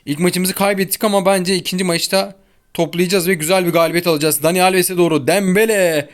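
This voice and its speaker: A young man with a high-pitched, fairly even, fairly quick voice talks over his gameplay on his gaming channel. His casual, slang-filled chatter is often exasperated and full of complaints. He's at home near an open window, and a child is heard outside.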